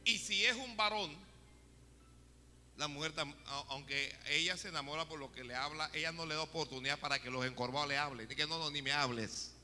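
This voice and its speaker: A male preacher giving an animated sermon and talking straight to the congregation in an echoing church hall. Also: fairly high pitch, brisk. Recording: echoey hall with faint music.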